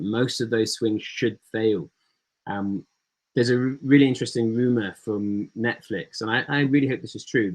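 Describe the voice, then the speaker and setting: A startup founder giving a slide presentation in an easygoing way, with many ums and uhs, over a video call. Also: male voice, on the low side, rough recording. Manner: relaxed, filler-heavy delivery.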